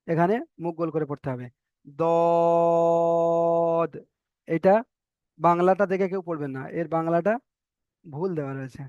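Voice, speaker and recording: A man with a Bengali accent gives a slow, patient lesson on the Arabic alphabet, drawing out each letter sound. His voice is clear and fairly high for a man. The recording is dry and a little muffled. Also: dry recording. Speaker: Quran reading teacher.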